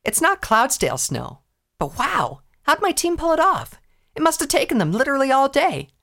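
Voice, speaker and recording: A brash, tomboyish young pony mare, voiced by a man in a storybook reading. She is boastful and sporty, pitched well up and bouncing all over her range. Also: huge pitch swings, normal speed, creaky, bright, forceful tone, heavily acted. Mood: eager. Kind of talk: fan audio story reading.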